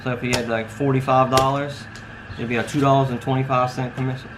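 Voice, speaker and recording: A man's voice: mid-range voice, level tone, quick pace. Male casino croupier, noisy background. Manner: calls out hands in clipped dealer phrases. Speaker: instructor demonstrating card dealing. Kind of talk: casino croupier calls mixed with casual tutorial talk. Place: at a card table beside a brick wall and door. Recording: noisy, with ambient background sound.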